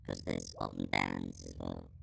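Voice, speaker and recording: A man's voice: monotone, measured pace, vocal fry, a bit bright, a little hiss or hum. A man talking through a robotic voice-changer filter while trying out sounds on a stream. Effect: deep robotic voice-changer filter. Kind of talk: casual live-stream chat.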